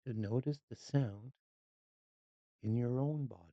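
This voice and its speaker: A mid-range voiced meditation guide leads a guided relaxation from a script, unhurried and very calm, leaving long gaps between short phrases. The sound is dry and slightly dull, with no echo.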